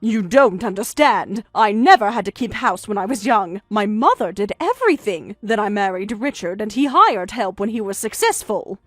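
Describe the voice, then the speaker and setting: A woman's voice: medium pitch, expressive, normal speed, hardly any pauses, fairly bright tone, no room sound, clean studio sound, soft background music, pitched below the performer's own voice. A woman voicing a defensive older mother-in-law who pleads and makes excuses, in a synthetic text-to-speech read. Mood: pleading.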